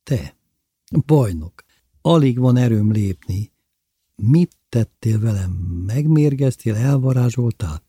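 A man voicing a young woman in love, speaking softly and intimately in a read story. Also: medium pitch, lively intonation, breathy edge, dry recording, clean studio sound. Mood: tender, teasing. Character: young woman, tender and playful lover.

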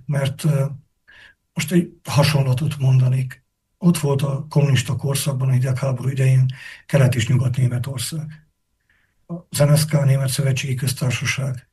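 A male analyst with a warm, darker voice and a faintly husky edge. He answers at length in a measured, explanatory way, stopping often to think aloud. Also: mid-range voice. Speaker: political analyst guest. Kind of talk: interview answers.

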